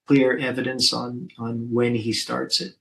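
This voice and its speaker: A man's voice: medium pitch, flat delivery, measured pace, creaky, fairly bright tone, poor audio. Man leading a Bible study, thinking aloud. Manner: thinks aloud, reads scripture verses aloud.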